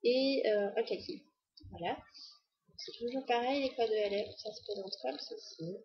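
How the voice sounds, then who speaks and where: A woman's voice: fairly high pitch, a little slow, husky, muffled recording. A woman chatting casually to the camera in a beauty haul video, enthusiastic and full of fillers. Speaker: beauty vlogger.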